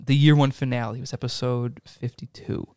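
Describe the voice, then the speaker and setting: A man's voice: mid-range voice, fairly even intonation, brisk, a little mellow. A man hosting a casual podcast, his voice sitting in the middle of the male range. He jokes easily and swears freely as he chats with his guests. The studio sound is dry, with no room echo at all. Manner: loose, joking, swears freely. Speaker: podcast host.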